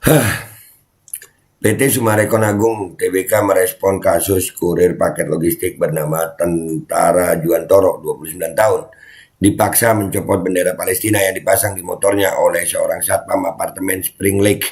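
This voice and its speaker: Male commentator, low voice, scolding, casual. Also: steady tone, normal speed, creaky. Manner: scolding, repetitive, chatty. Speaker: online commentator.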